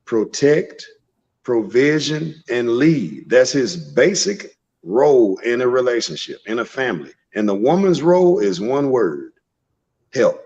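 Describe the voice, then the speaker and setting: A man's voice: medium pitch, very animated, unhurried, darkish tone, slightly rough. A man speaking as a podcast guest, giving firm, preachy opinions and acting out short scenes to make his point. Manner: preachy, emphatic, tells short acted-out scenes. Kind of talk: opinionated conversational commentary. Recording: dull lo-fi podcast audio.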